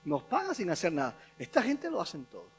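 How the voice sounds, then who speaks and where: Smug idle demon, muttered asides, high male register, put on by a preacher. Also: huge pitch swings, fairly quick, soft background music, heavily acted.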